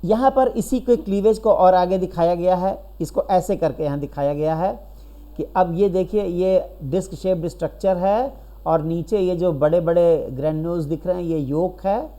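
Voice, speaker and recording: Man teacher with a warm, mellow voice, patient lecture style, asks and answers his own questions. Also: high voice, moderate pace. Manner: explains step by step, asks questions and answers them, keeps checking with "right?". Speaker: biology teacher. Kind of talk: recorded classroom lecture.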